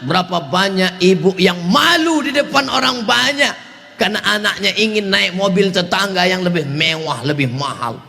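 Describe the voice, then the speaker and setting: A man's voice: on the high side, pushed and bright. A male Islamic preacher giving a humorous sermon to a large evening gathering, joking, acting out voices and asking the crowd for replies. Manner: jokes and acts out voices, asks the crowd for replies. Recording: reverberant hall, faint ambience.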